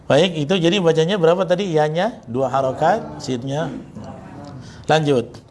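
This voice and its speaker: Quran teacher chanting and correcting. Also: male voice, on the high side, normal speed, darkish tone. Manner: teasing, corrects pronunciation, chants verses for repeating. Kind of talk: Quran recitation lesson.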